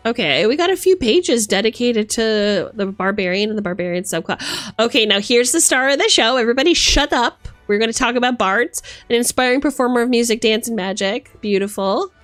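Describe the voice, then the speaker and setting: In this clip she talks briskly, her fairly high voice lively and a bit bright, with no room sound and faint music in the background. The streamer keeps her book look-through commentary casual and theatrical, gushing one moment and dry the next.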